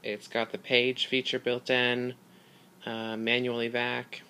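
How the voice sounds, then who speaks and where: A man hosting a casual hobby video, explaining equipment in an informal, halting way, recorded on a handheld device indoors. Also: medium pitch, completely flat delivery, background noise. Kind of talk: casual product demonstration vlog. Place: small carpeted room indoors. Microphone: handheld phone or camera mic.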